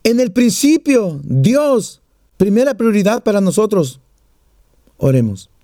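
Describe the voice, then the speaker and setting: A man's voice: high voice, big pitch swings, measured pace, warm tone, no echo, studio quality. A man preaching a sermon, mixing scripture and prayer with jokes and small stories. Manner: joking storyteller, plays out little voices.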